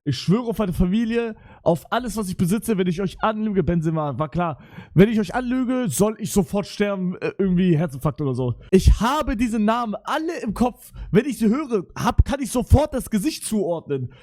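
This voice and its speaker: A man's voice: high voice, expressive, normal speed, a little mellow. A young man streaming live, chatting casually in heavy street slang with swearing, rambling and flustered. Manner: slangy, swearing, repeats "Digga" and "Bruder".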